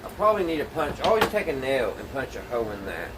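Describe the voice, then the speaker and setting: Talking fast at medium pitch, this folksy DIY vlogger casually walks viewers through his hands-on project as he thinks it out. A phone camera set some distance off records him, leaving the audio distant and noisy under a constant background hum.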